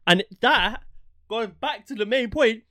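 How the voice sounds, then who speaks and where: A man co-hosting a casual football podcast, animated and opinionated, often restarting his sentences. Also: extremely high pitch, unhurried, no room sound, clean studio sound. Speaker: podcast co-host.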